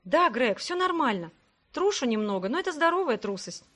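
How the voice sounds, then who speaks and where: A woman's voice: high voice, sing-song, fairly quick, fairly bright tone, full character voice. A woman voicing a daring young female racer who talks lightly and bravely in an audiobook. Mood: cheerful.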